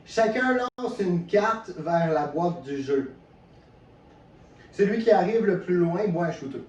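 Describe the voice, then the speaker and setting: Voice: mid-range voice, animated, slow, a little mellow, highs cut off. A speaker with a Quebec French accent hosting a drinking game in boisterous, exclamatory banter peppered with swearing. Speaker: host of a drinking-game video. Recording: echoey room, distant mic, faint noise.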